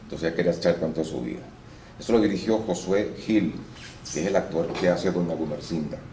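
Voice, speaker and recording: A man from Venezuela with a low-pitched voice speaks fast in a casual interview about his work as an actor and voice-over artist. His long explanations are lively, story-driven and include some restarts. The room is roomy and carries faint noise.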